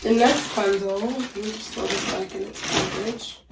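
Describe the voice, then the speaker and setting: A beauty vlogger with a stuffy, cold-affected voice chats casually through a hair unboxing review, full of ums and likes, in a small bathroom. Her mid-range voice has fairly even intonation at normal speed. The recording is very noisy and echoey, with the mic at a distance.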